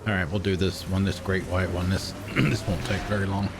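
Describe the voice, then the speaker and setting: A man giving casual gameplay commentary, thinking aloud in an unhurried way as a streamer. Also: sits low, level tone. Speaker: game streamer. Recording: game noise behind the voice.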